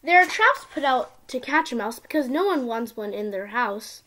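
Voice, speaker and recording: A young girl with a high, childlike voice reads a picture book aloud to little kids. Her delivery is expressive and sing-song, in the manner of a storytime for small children. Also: normal speed, background noise. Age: child, around ten. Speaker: young video channel host reading a picture book. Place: small indoor room at home.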